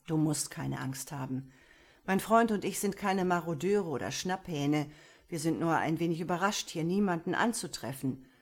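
A woman's voice: low-pitched, moderate pace, breathy edge. A woman voicing a firm, commanding young male soldier scout. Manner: firm, commanding, later gentler.

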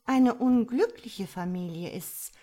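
A woman voicing a gentle, sensible mother starling who speaks with sympathy. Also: a little high, takes it slowly, voice pushed up. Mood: caring. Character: kind motherly female starling.

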